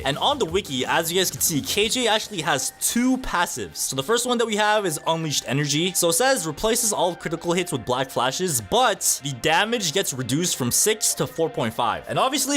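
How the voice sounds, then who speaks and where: A fast-talking man gives hyped gameplay commentary, dropping slang as he goes. His pitch jumps up and down with energy, and faint music plays underneath. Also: a bit bright. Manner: fast, hyped, sprinkled with "bro". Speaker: gaming video creator.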